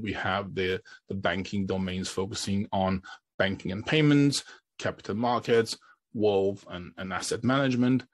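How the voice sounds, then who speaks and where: A man's voice: fairly low pitch, breathy edge. A middle-aged man from Romania, giving a conference presentation and often restarting his phrases. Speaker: conference speaker.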